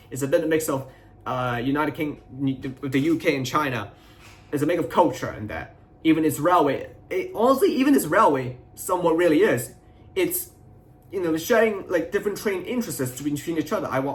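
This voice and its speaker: A young adult man venting to his viewers in a frustrated, aggrieved, unscripted rant, halting and repeating himself as he rambles. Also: on the high side, fairly bright tone. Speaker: video creator.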